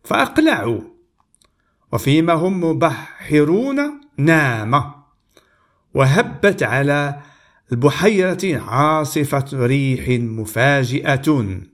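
A male preacher reads scripture aloud, then steps back to comment on it. His voice sits a little high for a man, and he reads in a measured, deliberate way with steady pauses. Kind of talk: Bible reading with sermon commentary.

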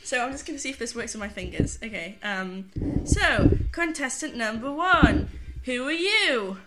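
A woman co-hosting a casual podcast, giggly and animated with quick asides. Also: a little high, heavy background noise. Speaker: podcast co-host. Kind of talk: casual chat.

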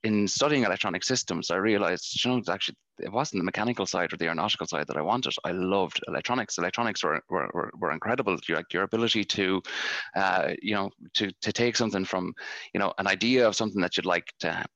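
A man's voice: low voice, fast talker, a bit bright, no room sound. A man with a west of Ireland accent, telling casual, rambling stories as an interview guest. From County Galway, west of Ireland. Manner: rambling, conversational storytelling. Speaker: podcast guest, company founder.

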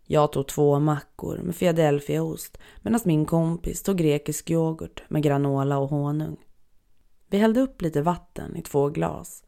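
A narrator reading listener-submitted horror stories aloud in a measured, even storytelling manner. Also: mid-range voice, gravelly. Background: faint background music.

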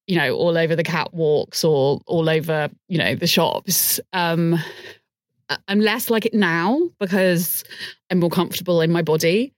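A woman talking as a podcast guest in casual chat, animated and self-deprecating, often restarting her sentences. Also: lowish voice, no room sound, clean studio sound.

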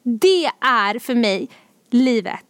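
A woman's voice: on the high side, animated, fairly bright tone, clean tone, no echo. A young woman, co-hosting a podcast as an enthusiastic storyteller who drops English words into her speech. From Sweden. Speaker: podcast co-host. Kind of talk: casual chat.

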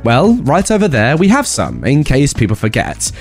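A man voicing a polite young female store clerk who stays calm and firm. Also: mid-range voice, normal speed, slightly rough, faint music behind.

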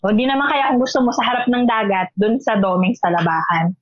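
Young woman from the Philippines, high voice, lively storytelling, dry slightly dull recording. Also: a little fast, dry recording. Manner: animated storytelling, switches between Filipino and English. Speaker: podcast co-host. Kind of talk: casual chat.

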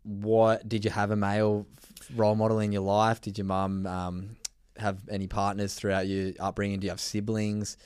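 An upbeat man hosts a casual podcast interview, chatty and friendly in tone. His voice sits fairly low. The sound is dry and close, with no room echo. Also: level tone, normal speed, darkish tone, smooth. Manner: upbeat, chatty, says mate a lot. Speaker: podcast host. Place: indoors, travelling in New Zealand.

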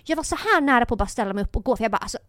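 A woman's voice: a little high, no echo. Young woman telling a story animatedly. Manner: animated storytelling, quoting others in put-on voices. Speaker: podcast host. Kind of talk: casual chat.

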